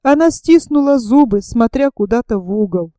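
A woman reading a classic novel aloud as an audiobook, with expressive, dramatic narration. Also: fairly high pitch, moderate pace, dry recording, clean studio sound.

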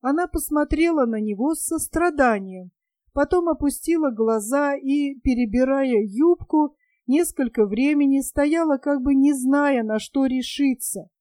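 A woman reading a classic novel aloud in a measured, expressive audiobook narration. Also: sits high, no room sound, studio quality. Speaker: audiobook reader.

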